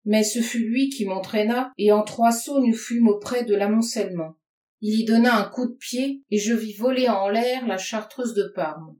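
Une femme lit à voix haute un récit littéraire à la première personne, d'un ton posé et expressif. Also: female voice, on the high side, normal speed, darkish tone. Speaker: audiobook reader. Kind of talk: literary narration read aloud. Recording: roomy sound from a distance.

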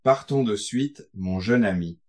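A man's voice: lowish voice, a little slow, a little mellow, close to an everyday voice. A man playing an old grey-haired viscount, affable and courtly, speaking to a young student. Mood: brisk. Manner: affable, patronizing.

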